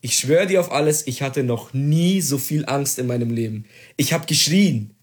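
A young man in casual chat, telling a story with excitement, slang and swearing. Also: mid-range voice, normal speed.

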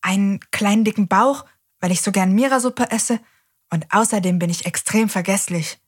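A woman's voice: medium pitch, normal speed, slightly rough. A woman hosting a children's show who talks to the kids directly in a cheerful, reassuring way.

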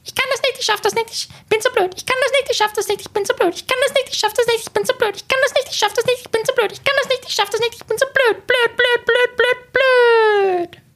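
A tiny, squeaky cartoon-mouse inner critic chants its self-doubt in a repetitive sing-song loop. The voice is pitched far above normal speech and sounds pushed up artificially. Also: male voice, steady tone, quick pace, pushed and bright, heavily acted. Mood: mocking chant.

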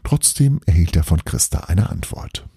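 Husky, low-voiced man reading a story. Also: moderate pace, dry recording, studio quality. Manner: lively, expressive reading.

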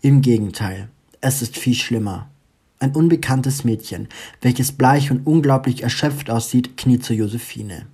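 Man, storyteller, expressive reading, mellow dark tone. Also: mid-range voice, measured pace, husky. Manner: expressive narration.

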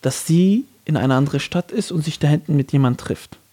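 A man co-hosting a talk podcast, telling a personal story in an animated way and acting out the voices of the people in it. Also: on the high side, normal speed. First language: Arabic. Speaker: podcast co-host. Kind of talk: casual storytelling chat.

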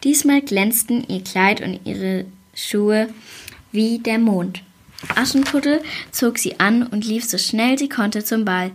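A woman reading a fairy tale aloud in a calm, even storytelling voice. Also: fairly high pitch, slow, slightly rough.

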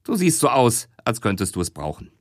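A man reading an audiobook, voicing a relaxed, teasing male detective partner. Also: mid-range voice, brisk, no room sound, clean studio sound, natural voice. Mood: wry.

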